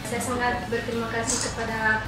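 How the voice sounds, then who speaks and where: Monotone woman, foreign learner, distant. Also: on the high side. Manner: foreigner speaking Indonesian, halting formal thanks. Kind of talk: formal speech. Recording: echoey, distant, loud music over voice.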